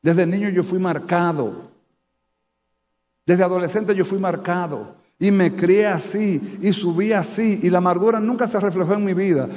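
In a church sanctuary, a Dominican man with a Dominican Spanish accent preaches as pastor, questioning his live congregation. His high voice moves at normal speed with a slightly mellow quality, and the sound carries church hall reverb.

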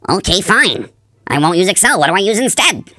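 Man putting on a high-pitched sulky young man. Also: very animated, a little fast, sharp tone, no echo, exaggerated voice. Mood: grudging. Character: grudging young man giving in. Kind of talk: comic skit in an explainer video.

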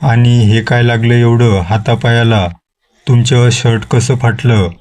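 A man's voice: medium pitch, little pitch movement, measured pace, darkish tone, lightly acted. A man voicing a worried village mother who fires off anxious questions, in a horror story reading. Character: worried village mother fussing over her son.

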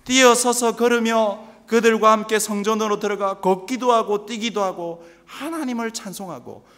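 A man from Busan with a Gyeongsang accent, preaching a sermon as pastor, telling humorous stories with animated mimicry. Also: sits high, moderate pace. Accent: Gyeongsang Korean. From Busan, South Korea. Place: large church sanctuary. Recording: long church reverb.

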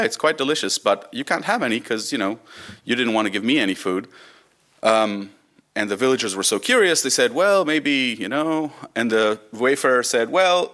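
At a conference, an Israeli volunteer digital librarian in his thirties gives a wry, informal talk from a lectern, weaving in stories. He is a Hebrew speaker with a mid-range, fairly bright voice.

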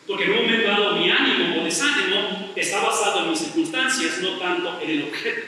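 A middle-aged man preaches with a high, very sharp and forceful voice, pressing his points by repeating himself and tossing rhetorical questions to the room. He is heard from a distance in a strongly echoing church hall with a long reverb tail and faint background noise. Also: animated, fairly quick. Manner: emphatic, repeats phrases, asks rhetorical questions. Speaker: pastor. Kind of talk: sermon. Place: church sanctuary.

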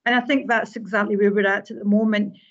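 A woman's voice: medium pitch, steady tone, fast. Woman on a muffled video call. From Scotland. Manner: earnest, laughs easily, repeats words when thinking. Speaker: teacher educator. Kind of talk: webinar panel discussion. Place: home room on a video call.

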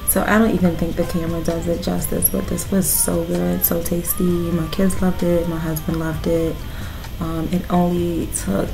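A woman's voice: lowish voice, gravelly, low-quality recording. A woman in her thirties chatting casually on her home cooking vlog, with many fillers. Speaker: vlogger. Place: home living room, indoors.

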